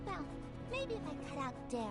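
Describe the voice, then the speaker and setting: Casting: jokey, exclamatory game civilian, very high chirpy voice, music behind. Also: female voice, big pitch swings, brisk. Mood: playful. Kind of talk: scripted video game voice acting.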